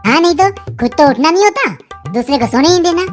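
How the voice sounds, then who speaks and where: A performer voicing a sharp-tongued, nagging cartoon wife who scolds her husband with sarcastic comebacks and a taunting catchphrase, in comic cartoon dialogue. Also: very high voice, expressive, fast talker, soft background music. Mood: scolding.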